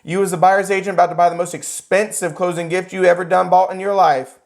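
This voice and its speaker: A man teaching a real estate class, lecturing in an animated, joking way and acting out little scenes for the students. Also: high-pitched, quick pace, gravelly. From United States. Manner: animated, joking, acts out characters.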